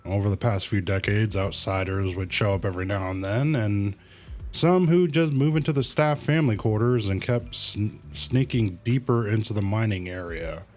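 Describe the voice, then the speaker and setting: A man streaming a game speaks at a moderate pace in a fairly low, slightly mellow voice. His commentary is casual, and he reads dialogue aloud colloquially and in a laid-back way while muttering to himself.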